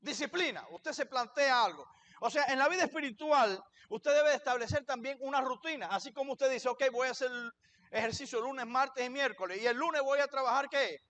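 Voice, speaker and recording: Male pastor, very high voice, preaching a sermon in church, asks questions and answers them himself. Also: a little fast, a bit bright.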